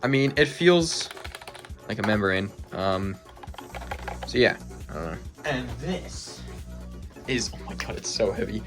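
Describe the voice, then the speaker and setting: A young man talking through a casual unboxing vlog, excitable and rambling with many fillers. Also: on the low side, a little slow, long pauses, soft background music. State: swollen lip. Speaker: vlogger.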